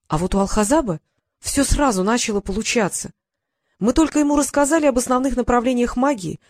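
A woman's voice: a little high, voice pushed up. A woman voicing a proud, talkative mermaid sorceress who speaks animatedly in an audiobook. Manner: animated, eager. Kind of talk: audiobook narration.

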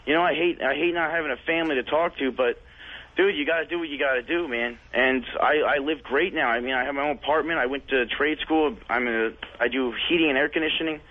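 A young man in his twenties calls in to a radio show. He talks bluntly and casually, scattering "dude" and "man" through his advice. His voice sits a bit high and comes through a tinny phone line. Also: fast talker. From California. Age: 20s. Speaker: caller. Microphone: telephone.

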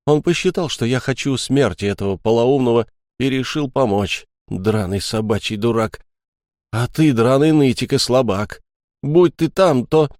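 A man's voice: mid-range voice, moderate pace, darkish tone, no echo, studio quality, voice pushed up, lightly acted. A man voicing an agitated young man, torn between fear and anger, who snaps and pushes through his words. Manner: agitated, snapping. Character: agitated young male friend, scared and angry.

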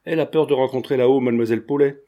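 A man reading the part of a bluff male friend who talks briskly and reassuringly. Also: mid-range voice, fairly even intonation, mellow, natural voice. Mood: jovial.

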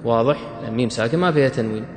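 A man's voice: medium pitch, racing, a little mellow, roomy sound, long reverb tail, soft background music. A man teaching Quran recitation rules, quizzing his students with short questions and praising their answers.

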